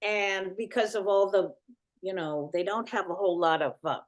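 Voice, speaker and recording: A woman's voice: medium pitch, fairly even intonation, moderate pace. A middle-aged woman co-hosting a talk show. She explains things earnestly, with many fillers and restarts. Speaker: podcast co-host and elected county board member.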